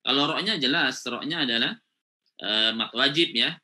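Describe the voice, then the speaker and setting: A man's voice: medium pitch, moderate pace, sharp tone. A man teaching Quran recitation rules in an online class, explaining step by step with frequent "ya" and "gitu ya" checks.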